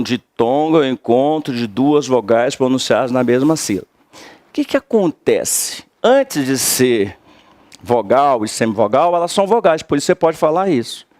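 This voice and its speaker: Man, Brazilian accent, teacher, emphatic lecture, quizzes students, fairly high voice. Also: darkish tone, no room sound, clean studio sound. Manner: emphatic, repeats key words, quizzes students. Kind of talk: classroom lecture.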